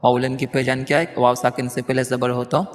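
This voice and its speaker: A man teaching a Quran reading class, quickly explaining rules and slowly chanting the letter sounds. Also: mid-range voice, level tone. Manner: spells letters out in a slow chant; quick, gentle explanations between drills. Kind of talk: online lesson. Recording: long reverb, faint music behind.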